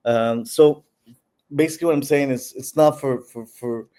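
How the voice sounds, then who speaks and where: Speaking at a moderate pace, the man has a medium-pitched, steady voice with a dark tone. He is a Peruvian company founder behind a bitcoin platform, explaining his interview answers with many fillers and restarts.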